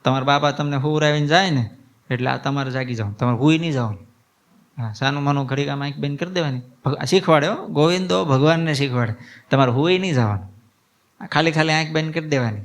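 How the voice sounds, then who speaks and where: A man's voice: on the high side, fast, natural voice. A man voicing a stubborn, playful seven-year-old village boy who talks eagerly and pleads like a child.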